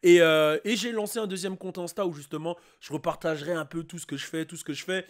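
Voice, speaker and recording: A man hosting a YouTube reaction video, talking casually and excitedly to his viewers with lots of fillers. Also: fairly high pitch, fast. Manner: excitable, hyped, chatty with many fillers.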